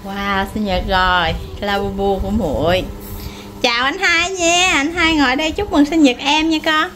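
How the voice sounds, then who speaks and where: Mom filming her kid, teasing and coaxing, highish voice, bit of noise behind. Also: fairly bright tone. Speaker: mother filming her family. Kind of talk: casual family vlog chat.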